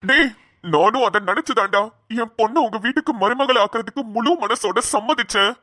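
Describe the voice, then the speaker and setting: A woman voicing a furious, hot-tempered middle-aged father in a cartoon, shouting bitterly. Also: fairly high pitch, brisk, dry recording, clean studio sound. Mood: angry. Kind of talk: cartoon voice acting.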